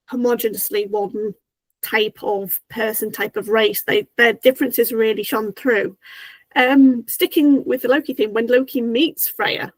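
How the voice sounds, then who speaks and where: A woman hosts a casual review chat with a fairly high voice. She talks with eager enthusiasm, quotes lines and leans on "kind of like" fillers. The sound is close and dry. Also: dry recording, low-quality recording. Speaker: host.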